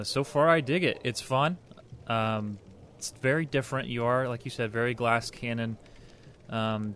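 A man's voice: fairly low pitch, fairly bright tone. A man co-hosting a podcast in casual, easygoing banter with light role-play. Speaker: podcast co-host. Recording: faint background ambient noise.

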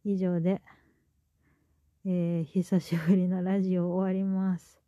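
On her own podcast, a Kansai-accented woman rambles chattily through a story, using lots of fillers. She speaks a little slowly in a lowish, level, warm voice, and the recording is dry and studio quality.

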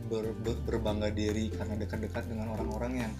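Young male podcast co-host, quick and slangy, opinionated, with clear guitar music underneath. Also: lowish voice, monotone. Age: young adult. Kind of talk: casual opinionated chat.

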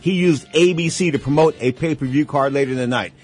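A man's voice: a little high, fast, darkish tone, husky. A man hosting a sports radio show, delivering an emphatic, showy boxing monologue with ring-announcer flourishes. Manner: emphatic, showman-like, repeats catchphrases. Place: radio studio.

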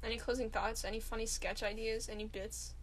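A young woman co-hosting a podcast, chatting casually from a small closet with teasing, deadpan jokes and frequent giggles. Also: on the high side, brisk, a little hiss or hum. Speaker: podcast co-host.

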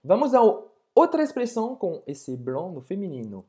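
A woman co-hosting a podcast language lesson. She says French words slowly and repeats them for listeners to copy. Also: lowish voice, big pitch swings, warm tone. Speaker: co-host and French teacher.

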